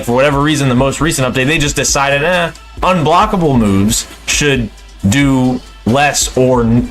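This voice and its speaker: An exasperated young man rants off the cuff as a gaming commentator, with music playing behind him. His voice sits at a middle pitch, and his delivery is profane and opinionated. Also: a bit bright. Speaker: video game commentator. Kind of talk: unscripted opinionated rant about a video game.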